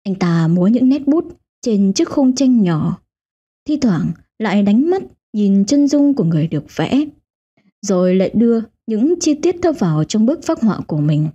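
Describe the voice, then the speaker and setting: A woman narrates a ghost story in scripted, dramatic fashion, her voice mellow and a little husky with a lively, swinging melody. The audio is dull and lo-fi, with faint music running underneath. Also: mid-range voice, normal speed. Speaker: storyteller host.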